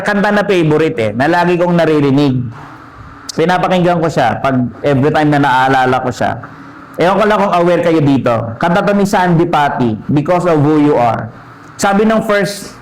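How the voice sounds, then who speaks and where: A man, a pastor, teaching a Bible sermon who moves between Tagalog and English and slows down to read verses aloud. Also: high voice, poor audio. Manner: asks questions and answers them himself.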